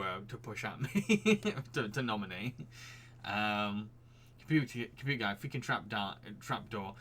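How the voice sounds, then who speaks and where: Speaking at medium pitch with a somewhat bright voice, a British man runs a live stream quiz and responds to his chat in a chatty, giggly manner. He has an accent combining Yorkshire and posh Received Pronunciation.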